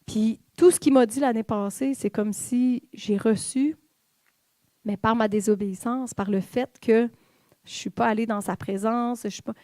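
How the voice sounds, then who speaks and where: This woman's dark, mid-range voice carries a Québécois French accent as she delivers a testimony sermon in a Quebec church. She's candid and confiding, speaking right to the congregation, and the recording has no room sound.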